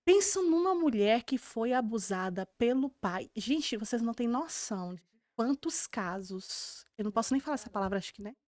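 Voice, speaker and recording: Brazilian woman therapist, high, dry sound. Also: lively intonation, moderate pace, a little mellow, dry recording. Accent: Brazilian Portuguese. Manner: earnest storytelling, acts out clients' words. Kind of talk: podcast conversation.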